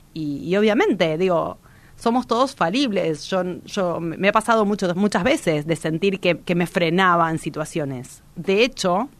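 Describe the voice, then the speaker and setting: A woman radio host, giving a reflective motivational talk in a strong, powerful voice, direct and vehement with many restarts. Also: on the low side.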